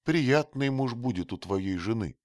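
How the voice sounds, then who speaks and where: A man voicing a timid, gentle youth with a high, soft boyish voice in a read-aloud story. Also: animated, measured pace, no echo, studio quality, lightly acted. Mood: pleading. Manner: pleading, teasing.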